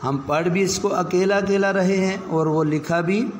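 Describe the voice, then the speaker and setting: A man's voice: high voice, steady tone, a little hiss or hum. Man teaching children letter sounds. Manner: slow, drawn-out letter sounds for children to repeat. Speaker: Quran reading teacher. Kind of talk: call-and-response phonics lesson.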